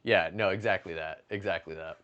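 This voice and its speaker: A man in his late twenties cooks in his home kitchen, stepping outside to smoke, while chatting casually and profanely with his livestream chat, joking and reading messages aloud. His voice is low-pitched and brisk with a fairly bright tone, and the sound is lo-fi.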